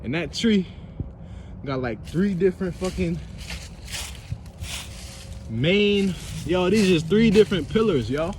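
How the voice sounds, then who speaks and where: A man's voice: high-pitched, expressive, takes it slowly, long pauses, darkish tone, a little hiss or hum. A man rambling and philosophizing in a casual, profane walk-and-talk vlog, out of breath from walking outdoors by a pond and filming himself on a phone. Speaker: vlogger.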